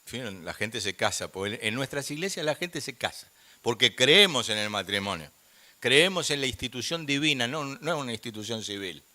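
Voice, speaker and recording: An older man with an Argentine accent preaching a sermon in church, swinging from loud emphasis down to near-whispers. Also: mid-range voice, lively intonation, normal speed. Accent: Argentine Spanish. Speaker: guest preacher.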